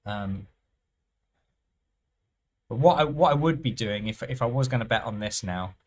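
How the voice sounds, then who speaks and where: A man giving thinking-aloud commentary over live roulette play, musing and unhurried, often trailing off and restarting his phrases. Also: medium pitch. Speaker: roulette strategy presenter.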